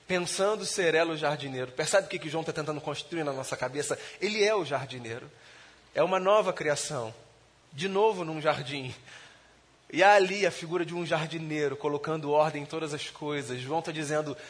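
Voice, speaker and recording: A man's voice: fairly high pitch, slightly rough. A man preaching a sermon in a conversational way, retelling scenes and voicing the people in them. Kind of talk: sermon storytelling.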